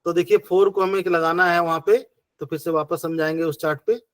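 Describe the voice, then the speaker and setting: A man with a fairly high voice and a Hindi accent teaches a class, walking through each step patiently and asking himself questions before answering them. The sound is dry and close, with little room echo. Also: fairly even intonation, fast talker. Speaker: acupressure teacher. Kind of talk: online class explanation.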